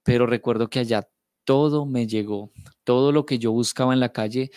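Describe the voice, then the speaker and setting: A Colombian man from Bogotá tells his faith testimony in an earnest, heartfelt way, circling back on phrases as he goes. His voice sits at a middle pitch, and it is recorded dry and close with almost no room sound. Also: steady tone, moderate pace, darkish tone, smooth, no echo. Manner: earnest, emotional storytelling with repetitions. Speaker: testimony speaker.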